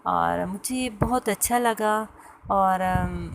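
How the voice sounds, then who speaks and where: A woman tells a personal story in a casual, hesitant way, pausing often with fillers and restarts. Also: medium pitch, vocal fry, background noise. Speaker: vlogger sharing a personal story.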